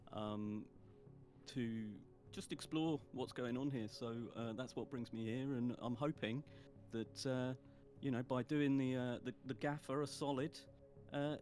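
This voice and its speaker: Man playing a middle-aged cop character, chummy, rambling, lots of uhs, mid pitch, faint music behind. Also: a little mellow, natural voice. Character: middle-aged male police officer stuck in a rut. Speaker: player.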